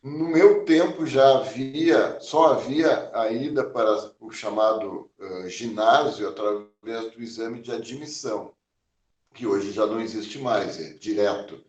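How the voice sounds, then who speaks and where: A man in his early sixties with a lowish voice, speaking in a measured, reflective way and dotting his sentences with small fillers. He sounds set back from the microphone in a roomy space, so the voice carries some echo. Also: a little mellow, distant mic. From Porto Alegre, southern Brazil. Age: 60s. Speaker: physician recounting his life. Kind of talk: oral history interview.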